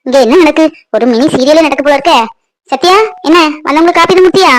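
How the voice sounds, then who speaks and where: Woman as a snobbish mother-in-law, high voice, fast, dismissive. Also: a little hiss or hum, lightly acted. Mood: scolding. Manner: dismissive, scolding, fast-talking. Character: haughty, status-proud mother-in-law. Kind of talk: family drama skit.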